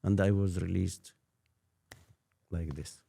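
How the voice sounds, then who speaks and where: A man in his eighties with an Egyptian accent, a native Arabic speaker, telling his life story as a priest in an interview, halting and repeating words. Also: low-pitched, steady tone, creaky, mellow, breathy edge. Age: 80s. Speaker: Coptic priest guest.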